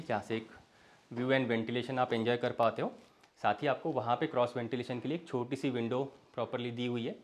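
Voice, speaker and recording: A young man from India giving a walking tour of a villa's bedrooms, inviting the viewer along in an easy sales patter, mixing Hindi with phrases. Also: medium pitch. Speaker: real estate tour host. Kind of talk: property walkthrough. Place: indoors, large villa interior, walking room to room.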